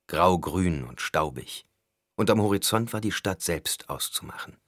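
A man reading a novel aloud as narrator, measured and storytelling. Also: sits low, expressive, fairly bright tone, dry recording, clean studio sound. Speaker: audiobook narrator. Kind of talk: scripted narration.

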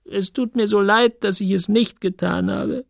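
A man voicing a tearful, defiant teenage girl in a high, pleading voice for an audiobook. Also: steady tone, unhurried, gravelly, no room sound, clean studio sound. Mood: remorseful.

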